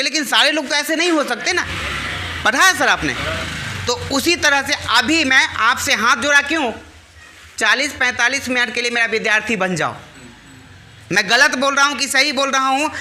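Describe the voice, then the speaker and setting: Man, very high voice, piercingly bright tone, lively host addressing farmers, call-and-response, teacherly coaxing. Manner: animated, leads call-and-response chants; coaxing, teacherly, asks listeners to answer back. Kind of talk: live talk to a crowd of farmers. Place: outdoors at a village temple among farmers.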